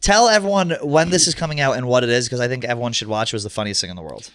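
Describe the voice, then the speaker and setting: Mid-pitched man hosting a casual podcast. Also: very fast, a bit bright, clean tone, no room sound. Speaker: podcast host.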